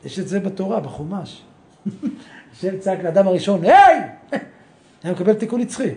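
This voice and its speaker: A man preaches a sermon to a gathered group in a high voice. He acts out the voices of the people he quotes and breaks into sudden loud exclamations. The room echoes around him. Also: gravelly.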